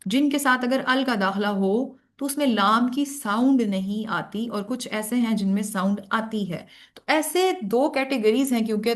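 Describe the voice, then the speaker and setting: Woman teacher, patient explainer, fairly high voice, drops English words into her teaching. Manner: explains patiently, lists letters one by one. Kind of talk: recorded online grammar lesson.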